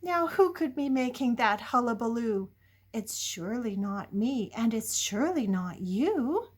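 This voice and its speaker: Unhurried and animated, an older woman reads a picture book aloud in a slightly high voice with a breathy edge. Her playful, dramatic reading includes questions for young listeners and swings between quiet whispers and loud exclamations.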